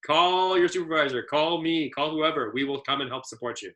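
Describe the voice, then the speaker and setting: A man's voice: fairly high pitch, fairly even intonation, fairly quick, bright, forceful tone. A man, an adaptive ski instructor trainer, giving a casual training presentation as an easygoing storyteller with many fillers.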